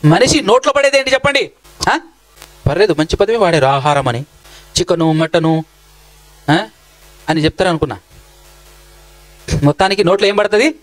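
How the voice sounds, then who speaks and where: A man with a Telangana Telugu accent preaches a sermon in a high voice, firing questions straight at his congregation. He scolds and teases them in turn. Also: expressive, moderate pace, long pauses, faint music behind, low-quality recording. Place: church hall.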